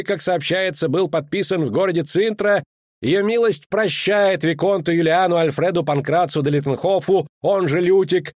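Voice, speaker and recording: A man doing a pompous high-voiced court official. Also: no room sound, clean studio sound, close to an everyday voice. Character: fussy male court official in mourning, pompous.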